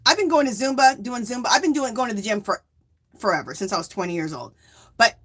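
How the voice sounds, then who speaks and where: A woman's bright, fairly high voice swings up and down as she chats on a home craft livestream. She talks straight to her viewers, reads their comments out and laughs easily. She drives her points home with a quick "okay?" and keeps a loose, gossipy flow. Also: lively intonation. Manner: emphatic, tags lines with "okay?" and "Hello?". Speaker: livestream host of a yarn crafting channel. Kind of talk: casual chat with live viewers.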